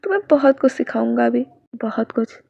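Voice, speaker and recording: A woman voicing a calm, possessive young man in a storybook romance, speaking low and quiet. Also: fairly quick, creaky, no echo, lo-fi sound, full character voice.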